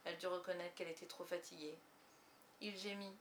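A woman narrating a storybook in an expressive, measured way. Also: on the low side, reverberant, a little hiss or hum. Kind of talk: storybook reading.

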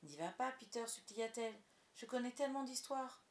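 A woman's voice: mid-range voice, moderate pace, lightly acted. A woman voicing an eager, dreamy young girl who exclaims and pleads, in a roomy recording. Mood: pleading. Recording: roomy echo.

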